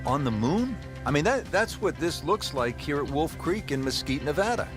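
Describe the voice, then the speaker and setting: A man playing a measured television golf commentator, calling play in a video game broadcast. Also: a little high, very animated. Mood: admiring. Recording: music and crowd behind voice. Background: music and crowd.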